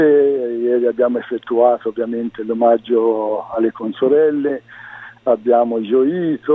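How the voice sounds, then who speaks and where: A man, a guest on the phone, answering in a measured, deliberate way with some hesitations. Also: medium pitch, no room sound. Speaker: contrada prior, phone-in guest. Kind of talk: radio phone interview. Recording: husky voice over a narrow phone line.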